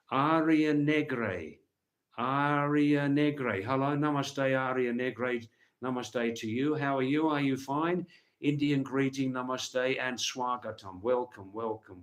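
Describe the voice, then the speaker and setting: A man hosting a casual livestream, chatting to viewers in a rambling way and repeating words and phrases for emphasis. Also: mid-range voice. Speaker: livestream host.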